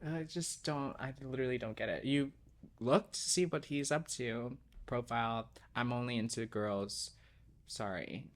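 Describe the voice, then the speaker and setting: Young woman cohost, super low voice, quick jokey banter. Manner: quick playful quips. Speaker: podcast co-host. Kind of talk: casual chat.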